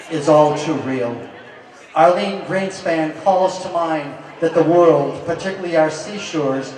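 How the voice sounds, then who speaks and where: A man with a slightly high voice introduces pieces as a formal event presenter. He is heard in a reverberant hall, some way from the microphone. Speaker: auction presenter introducing artworks. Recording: echoey hall, distant microphone.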